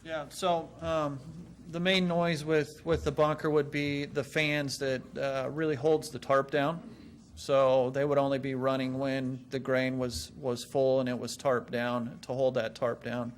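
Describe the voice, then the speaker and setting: Male applicant at a meeting: monotone, medium pitch, plain explanatory delivery. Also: unhurried, a little hiss or hum. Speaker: applicant answering questions.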